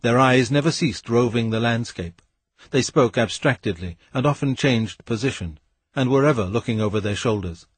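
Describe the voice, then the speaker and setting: Husky-voiced man narrating a novel. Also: medium pitch, moderate pace, dry recording. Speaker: audiobook narrator. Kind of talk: scripted narration.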